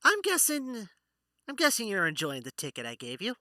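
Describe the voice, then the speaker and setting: A man's voice: high voice, wildly swooping pitch, normal speed, bright, forceful tone, no room sound, studio quality, voice pushed up, heavily acted. A man voicing a friendly female half-elf bard in a tabletop game, with a teasing, secretive manner.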